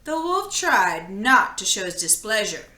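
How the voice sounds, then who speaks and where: Reading a storybook to children, this woman uses a mid-range voice and a measured pace. She performs with animation, addressing her listeners directly. Her voice echoes in the room.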